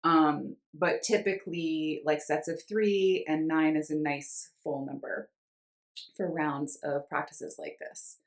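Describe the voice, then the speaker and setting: A woman instructor informally explaining a breathing and cleansing practice in a measured way, with pauses. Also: deep voice, fairly even intonation. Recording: roomy, echoing sound.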